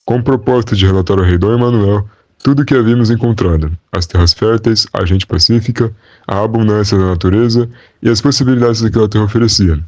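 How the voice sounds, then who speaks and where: A young man playing a calm, proud Portuguese royal scribe, recounting in a measured, formal way on a school podcast. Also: lowish voice, no echo, close to an everyday voice. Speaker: interviewee. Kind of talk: school podcast role-play.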